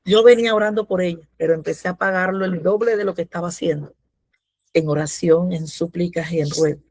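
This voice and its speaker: A woman's voice: lowish voice, a little mellow, no room sound. A woman giving a religious testimony in a devotional, telling her story with fervor and acting out the prayers she quotes. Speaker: devotional speaker.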